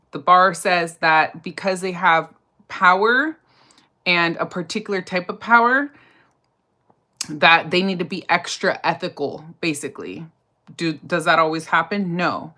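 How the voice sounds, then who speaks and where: Woman, bright forceful voice, slightly low pitch, casual livestream chat, lots of um and like. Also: unhurried. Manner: chatty, answers viewer comments, many fillers and asides. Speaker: livestream host and criminal defense lawyer. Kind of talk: casual livestream chat while doing makeup.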